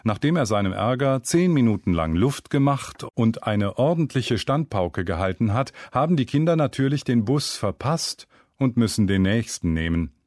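A man with a medium-pitched voice narrates a scripted comic story at normal speed, wry and storytelling in manner with lively intonation. The recording is dry, made close on a studio mic.

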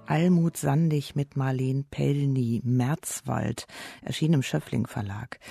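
A man hosting a radio book show, presenting titles in a calm, informative, scripted way. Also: on the high side, creaky, husky, no room sound, clean studio sound.

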